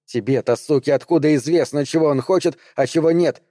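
A man voicing a desperate, sharp-tongued woman, urgent and sardonic, in an audiobook reading. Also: fairly high pitch, fairly quick, no room sound, studio quality, pitched above the performer's own voice, close to an everyday voice.

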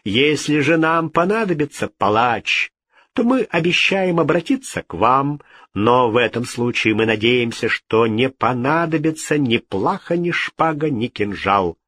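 A man's voice: mid-range voice, animated, unhurried, fairly bright tone, dry recording, studio quality. A male reader voicing a haughty king who speaks with icy, regal politeness. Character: haughty, cold-blooded king.

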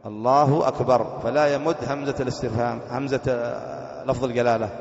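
A sheikh teaching a classroom lesson on Islamic jurisprudence, explaining slowly, repeating phrases and asking his students questions. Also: medium pitch, fairly even intonation, creaky, a little mellow. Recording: dull echoey hall recording.

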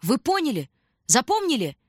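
A woman reads a gentle young man in a worn greatcoat, pressing urgent instructions on the children in a husky voice. The sound is dry and close. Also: lowish voice, lively intonation, brisk, no echo. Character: kind, self-sacrificing young man in greatcoat.

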